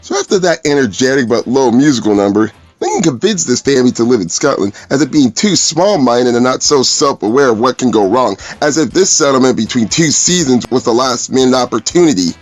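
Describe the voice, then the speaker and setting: A man's voice: mid-range voice, animated, brisk, hardly any pauses, faint music behind. A man giving casual, sarcastic and profane commentary as a movie reviewer.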